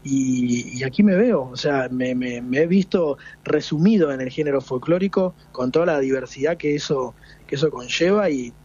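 A folk singer in his forties with an Argentine Spanish accent is interviewed on the radio, reflecting with many restarts. His medium-pitched voice is darkish and slightly rough at a moderate pace, and the highs are cut off.

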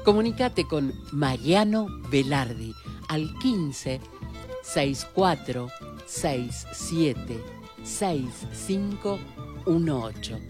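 A woman radio announcer reading promos in a drawn-out, sing-song manner. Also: deep voice, expressive, over music.

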